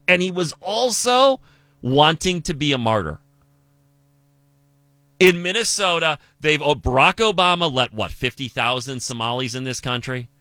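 A man's voice: on the high side, sharp tone, dry recording. A man from the United States hosting a political commentary show, talking emphatically and asking rhetorical questions.

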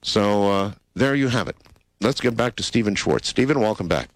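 A man hosting a radio talk show in a smooth radio host manner, calmly taking listener calls with easy fillers. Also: fairly low pitch, moderate pace, poor audio.

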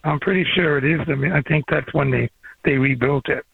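A man's voice: on the high side, brisk, creaky, husky, no echo. Older man rambling over a flip phone. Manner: rambling, hops between topics. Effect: old flip phone call. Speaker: caller. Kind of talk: casual call-in chat. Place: outdoors. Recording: dry, tinny phone line.

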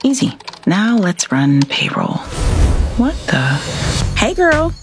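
Wildly animated small business owner. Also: female voice, mid-range voice, takes it slowly, over music, full character voice. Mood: upbeat, surprised. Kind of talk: acted radio ad.

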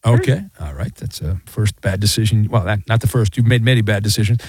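A man's voice: on the low side, fairly quick, a little mellow, breathy edge, no echo, studio quality. A man hosting a sports radio show with casual, wry, teasing banter.

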